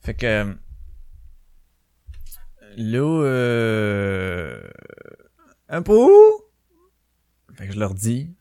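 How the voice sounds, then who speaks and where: A podcast host with a Québécois French accent tells stories on his casual solo show, swearing, ranting, and acting out the quotes. His voice is on the low side and a little mellow, very animated yet very slow, with long pauses. The sound is clean studio audio with no room sound.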